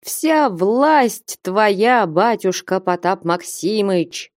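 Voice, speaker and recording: Woman voicing a hoarse drunkard, whining, self-pitying, mellow tone, dry sound, storybook. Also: mid-range voice, sing-song, slow, no echo. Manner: whining, complaining. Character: drunken disheveled middle-aged man, self-pitying.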